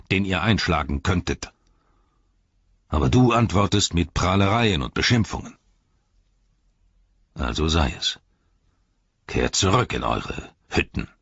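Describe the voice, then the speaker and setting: A man's voice: low voice, husky, dry recording, muffled recording, exaggerated voice. An older-sounding man voicing a scheming old male wizard, honeyed one moment and sneering the next. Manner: honeyed, then sneering and venomous.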